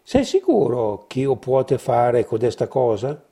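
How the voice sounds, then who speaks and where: A man's voice: medium pitch, sing-song, measured pace, gravelly, warm tone, slightly rough, heavily acted. A man voicing a male painter friend who asks puzzled questions. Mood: questioning.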